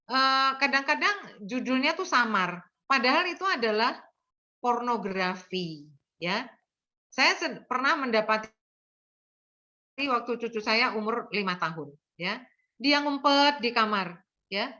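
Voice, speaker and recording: Recorded with lo-fi sound, this sharp, somewhat high female voice belongs to an older nursing lecturer. She delivers an earnest, anecdote-filled lecture, frequently checks on her listeners, and tags her sentences with "ya."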